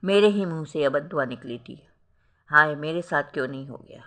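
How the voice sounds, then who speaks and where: A storyteller voicing a young wife who scolds her sister and later weeps with guilt, in a bright voice. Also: mid-range voice, moderate pace, close to an everyday voice. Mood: tearful. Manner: scolding, then tearful and guilt-ridden. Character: stern young wife, protective older sister.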